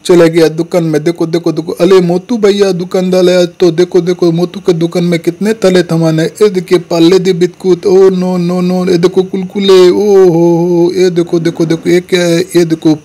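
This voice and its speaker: A man narrates toy play in a childlike, lisping manner, repeating short calls again and again. His voice sits high but stays flat in its melody, with a dark, mellow tone. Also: normal speed, hardly any pauses. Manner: repeats "look, look" and "come on" constantly, childlike lisping speech.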